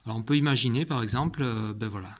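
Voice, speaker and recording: A man's voice: medium pitch, quick pace, a little hiss or hum. A man, a primary school teacher, patiently explaining a homework routine to parents from his classroom, with many fillers and restarts.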